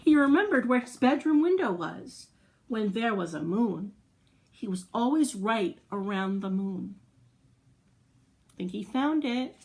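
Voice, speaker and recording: A woman hosts a children's storytime, reading a story aloud and chatting encouragingly with young listeners through simple explanations and questions. Her voice is a little high and a little mellow, very animated, at a measured pace with long pauses.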